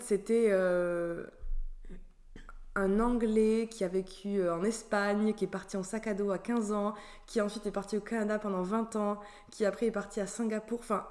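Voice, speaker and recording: A woman from France talking casually as a guest, chatty and quick to laugh between sentences. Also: mid-range voice, darkish tone. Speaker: guest sharing travel stories. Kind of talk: casual conversation.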